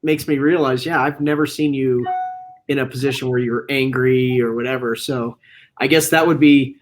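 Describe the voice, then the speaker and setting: Male co-host, mid pitch, halting and musing. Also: steady tone. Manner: hesitant, thinking aloud. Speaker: podcast co-host. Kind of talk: casual chat.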